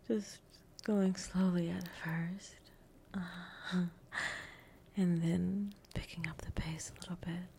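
A woman whispering a teasing, dominant audio roleplay in a breathy voice, with soft chuckles between phrases. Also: lowish voice, slow pace, pauses often, a little hiss or hum.

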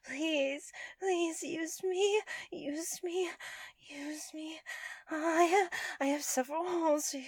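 A woman putting on a high, giggly anime-girl voice in an intimate audio roleplay, breathy and pleading. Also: dry recording, clean studio sound.

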